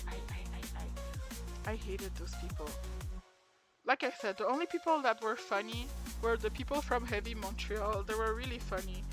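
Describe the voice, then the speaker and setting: A woman streaming live as she draws, ranting, swearing and laughing often. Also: medium pitch. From Quebec. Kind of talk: casual livestream chat while drawing. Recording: music playing under the voice.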